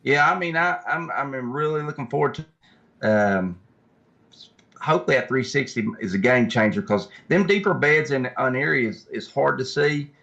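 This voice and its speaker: This guest is a tournament fisherman with a creaky, fairly bright mid-range voice speaking at a moderate pace. He recounts and explains things casually, keeping his talk plain and informal. The recording has a dull, lo-fi quality.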